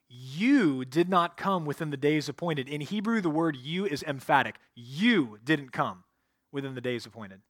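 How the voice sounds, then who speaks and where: A male pastor delivers a sermon, reading scripture passages aloud and then explaining them verse by verse. His voice sits somewhat high for a man. The sound is dry, with little room echo. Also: fairly bright tone.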